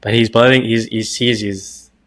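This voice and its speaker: Man, South African accent, lowish pitch, fairly level intonation, casual podcast host conversation. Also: steady tone, moderate pace, fairly bright tone.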